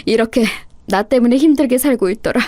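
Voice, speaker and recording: A woman voicing a gruff, protective middle-aged uncle who speaks bluntly. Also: on the high side, fairly quick, a little mellow, no room sound, clean studio sound, natural voice. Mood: remorseful. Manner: blunt, heated outburst.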